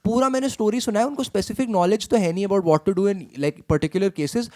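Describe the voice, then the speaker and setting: High-voiced young Indian man ranting. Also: moderate pace, a little mellow. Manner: heated, profane ranting, mixing Hindi and English. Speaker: podcast co-host. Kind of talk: casual podcast storytelling.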